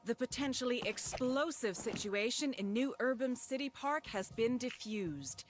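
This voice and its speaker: A chipper TV news anchor. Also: female voice, fairly high pitch, lively intonation, measured pace, faint music behind. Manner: upbeat broadcast delivery. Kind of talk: scripted news report.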